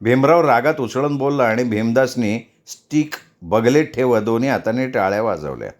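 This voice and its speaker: A man's voice: mid-range voice, animated, normal speed. Man narrating a story aloud. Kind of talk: audiobook narration of a novel.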